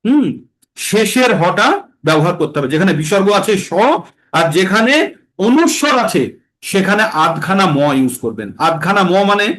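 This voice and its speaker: High-voiced man teaching verse chanting. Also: sing-song, fairly bright tone, low-quality recording. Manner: slows to chant verses syllable by syllable; patient, explanatory, checks understanding. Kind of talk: online class teaching verse recitation.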